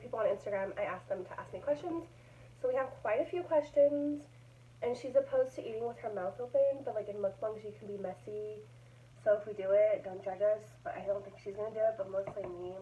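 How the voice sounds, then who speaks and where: A young woman vlogger in casual chat, chatty and giggly, rambling with fillers. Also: medium pitch. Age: young adult. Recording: dull lo-fi sound.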